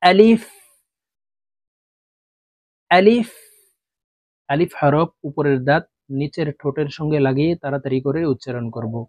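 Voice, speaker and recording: A man teaching Arabic letters for Quran reading, explaining each sound and then chanting the letter names long and slow for students to repeat. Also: a little high, a little mellow, no room sound. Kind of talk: recitation lesson.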